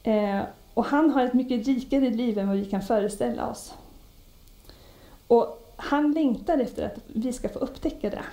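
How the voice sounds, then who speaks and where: Woman preaching in an echoey room. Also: a little high. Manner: warm conversational storytelling with frequent hesitations. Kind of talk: sermon.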